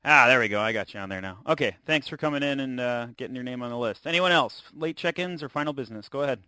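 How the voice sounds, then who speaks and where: A man hosting an amateur radio check-in net as net control, speaking in an informal, halting way. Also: medium pitch, bright, forceful tone, a little hiss or hum.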